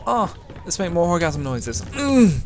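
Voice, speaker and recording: A man's voice: medium pitch, expressive, unhurried, noisy background. A young man from England casually commenting on a shooter game he is playing, joking and swearing at opponents. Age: young adult. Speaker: gameplay commentator. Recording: loud gunfire from the game behind.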